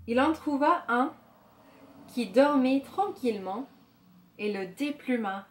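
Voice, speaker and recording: A woman reading a children's picture book aloud, slowly and clearly, for young listeners. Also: sits high, lively intonation, roomy sound, a little hiss or hum. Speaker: storyteller. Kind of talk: children's story read-aloud.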